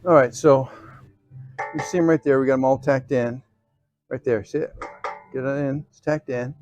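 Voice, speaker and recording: Steady and a little mellow at a medium pitch, a man hosting an off-road DIY channel talks through a how-to at normal speed, peppering it with informal asides like "okay" and "cool." The highs are cut off, and soft music plays underneath.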